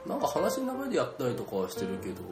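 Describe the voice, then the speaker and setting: A man's voice: medium pitch, huge pitch swings, racing, reverberant, music in the background. A man who is a guest actor, chatting casually and laid-back, poking fun at himself. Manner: laid-back, self-deprecating. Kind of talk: casual chat.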